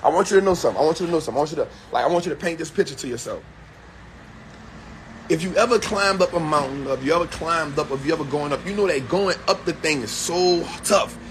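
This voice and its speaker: Middle-aged male vlogger, slightly high pitch, emphatic and repetitive motivational delivery. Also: expressive, quick pace, slight background noise. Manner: repetitive, emphatic, preacher-like phrasing. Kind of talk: casual motivational talk to camera.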